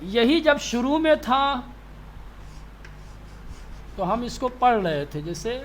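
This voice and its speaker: A man's voice: very high-pitched, big pitch swings, a little hiss or hum. A man, a religious teacher, giving a classroom lesson, repeating terms and asking and answering his own questions. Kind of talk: classroom lesson on Quranic reading.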